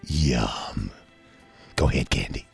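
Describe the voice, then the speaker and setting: A man's voice: a bass voice, lively intonation, takes it slowly, gravelly, slightly rough, soft background music. A man hosting a comic radio call-in show, boisterous and wisecracking. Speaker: radio host.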